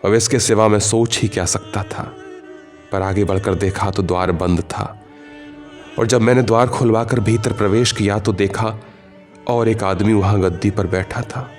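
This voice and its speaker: A man narrating a literary short story in the first person, in a measured, literary reading with quiet emotional shifts. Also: lowish voice, steady tone, faint music behind.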